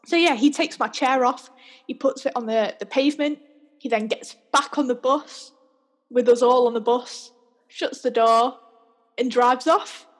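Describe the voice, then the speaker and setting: A young woman co-hosting a podcast, telling a story in a chatty, animated way and laughing often. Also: fairly high pitch, a little slow, breathy edge. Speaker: podcast co-host. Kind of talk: casual storytelling chat.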